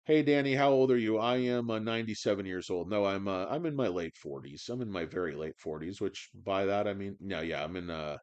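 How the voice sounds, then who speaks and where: A man's voice: deep voice, fairly quick, hardly any pauses, a little mellow, clean tone, lo-fi sound. A man in his forties hosting a stock livestream, ranting in a profane, sarcastic, rambling way with many fillers. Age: 40s. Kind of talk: profane casual livestream rant.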